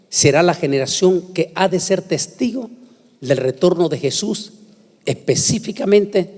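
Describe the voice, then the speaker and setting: A man preaches at a conference in a large hall, reading scripture and leading prayer for the congregation in a sermon-lecture style. His voice is rather high and slightly mellow, solemn and emphatic with deliberate phrasing, caught with long reverb in the echoey space.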